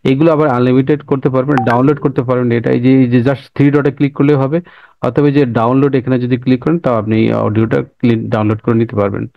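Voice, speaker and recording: A man teaching a software class, walking through steps and repeating himself while often checking that listeners follow. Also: medium pitch, fairly even intonation, very fast, vocal fry, no room sound, muffled recording. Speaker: instructor. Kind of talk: screen-recorded software tutorial.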